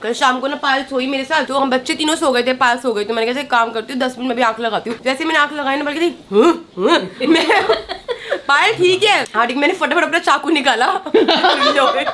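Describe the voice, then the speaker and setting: High-voiced giggly woman vlogging. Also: fast talker, few pauses, slight background noise. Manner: lively, giggly anecdote telling. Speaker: vlog co-host. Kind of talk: casual family vlog chat. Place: at home indoors.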